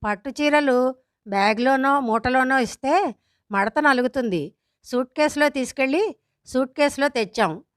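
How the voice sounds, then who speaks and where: A woman's voice: sits high, moderate pace, pauses often, no echo, clean studio sound, close to an everyday voice. A woman reading the lines of a retired elderly father-in-law who lectures his family firmly. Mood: chatty. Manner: firm, lecturing.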